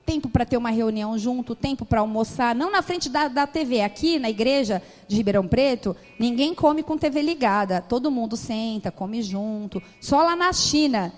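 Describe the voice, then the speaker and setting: A woman's voice: on the high side, moderate pace, hardly any pauses, in a large hall. A young adult Brazilian woman pastor preaching a sermon in church, telling stories animatedly and acting out family arguments. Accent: Brazilian Portuguese. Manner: animated storytelling, acts out family dialogue. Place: church hall.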